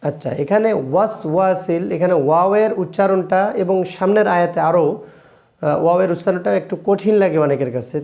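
A man teaching Quran recitation, chanting verses slowly and drawn out, then explaining the pronunciation in plain speech with a Bangladeshi Bengali accent. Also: fairly high pitch, dark tone. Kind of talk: slow drilled recitation lesson.

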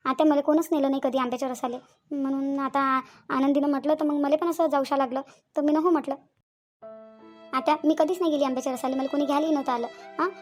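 A woman with a Vidarbha Marathi accent voicing a meek, soft-spoken elder daughter-in-law in a cartoon. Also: high-pitched, natural voice. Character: meek eldest daughter-in-law, married seven years. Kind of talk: cartoon voice acting.

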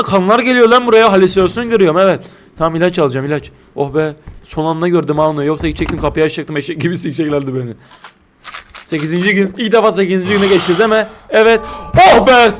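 Young male gamer, high voice, crude and jokey let's play commentary, shrieks at jump scares, faint background noise. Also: rapid-fire. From Turkey. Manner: crude, joking, bursts into shrieks when startled. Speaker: gaming YouTuber.

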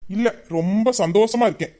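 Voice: medium pitch, normal speed, mellow, lightly acted. A performer voicing a lovesick young man who grumbles in mock anger at his sweetheart in a romantic audio drama. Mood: sulky. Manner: grumbling, mock-angry, then tender.

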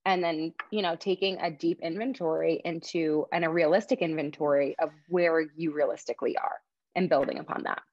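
A woman's voice: low voice, steady tone, brisk, dry recording, muffled recording. A young pregnant woman, a fitness trainer, giving earnest advice in a casual interview chat.

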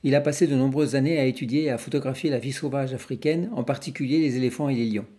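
A man shows a book he is selling in an easygoing, informal talk. His voice is warm and mellow, with a steady middle pitch. He often pauses to search for the right word. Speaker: bookseller. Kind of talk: informal product presentation.

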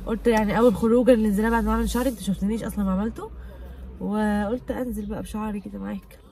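A young woman with an Egyptian Arabic accent talks in a rapid, teasing rush, staying stubbornly calm. She is outdoors on a street with faint noise behind her. Her pitch sits in the middle range. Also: creaky. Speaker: vlogger pranking her husband. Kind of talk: casual prank vlog chat.

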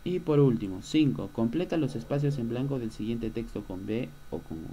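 A man's voice: mid-range voice, animated, normal speed, mellow, slight background noise. A male schoolteacher giving a recorded lesson, patiently explaining and answering his own questions. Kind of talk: recorded online class lesson.

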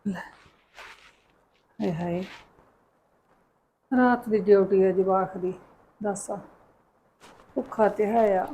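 An actress playing a fretful, kind mother who soothes her grown son with gentle pleading. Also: medium pitch, takes it slowly, pauses often, slightly rough. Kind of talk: Punjabi short film acting.

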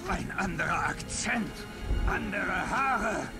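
A man's voice: sits high, expressive. An actor playing an unhinged, menacing male killer in dubbed video game dialogue, snarling and intense. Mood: obsessive menace. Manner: snarling, then slow and intense. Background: game score music.

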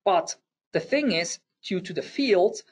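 With a high, expressive, slightly rough voice, this Swiss presenter explains engineering topics in a webinar, one step at a time. His Swiss German accent is noticeable, and his delivery stumbles a bit, with fillers and restarts here and there.

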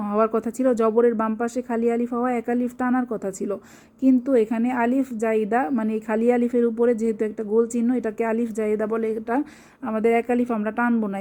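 A woman's voice: fairly high pitch, dark tone. A woman teaching a Quran recitation lesson, explaining rules patiently and checking in with her listeners. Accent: Bangladeshi Bengali. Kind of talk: online tajweed lesson.

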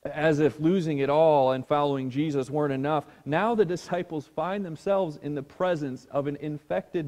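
A man preaching a sermon as a pastor, slow and hushed, sinking almost to a whisper on key words. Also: on the high side, long reverb tail. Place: church sanctuary.

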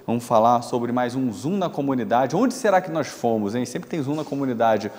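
A man's voice: medium pitch, expressive, normal speed, darkish tone, long reverb tail. A man in his thirties with a Brazilian accent, hosting a local TV news show in a studio, talking in a chatty, informal way. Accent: Brazilian Portuguese. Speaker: news anchor. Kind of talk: casual studio commentary.

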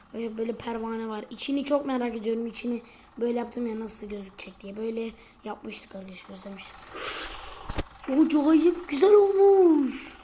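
A woman giving casual commentary on her gameplay, chatty and excitable, often turning to address her viewers. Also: on the high side, fast, slight background noise. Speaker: gaming video creator.

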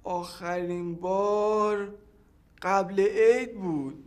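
High-voiced evasive man, hesitant, stammering answers, played by an actor. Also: slight background noise, lightly acted. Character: evasive man questioned about opium.

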